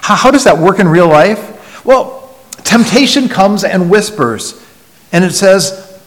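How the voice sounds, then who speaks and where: A man preaching a sermon as pastor, earnest and emphatic, swinging from loud stresses to hushed near-whispers and often repeating words as he restarts. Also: sits high, expressive, takes it slowly. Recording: long hall reverb.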